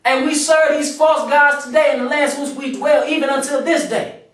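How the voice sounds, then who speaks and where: A man's voice: extremely high pitch, fairly even intonation, normal speed, a bit bright. A man preaching a sermon, reading scripture aloud and explaining it, repeating phrases for emphasis. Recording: echoey room from far off.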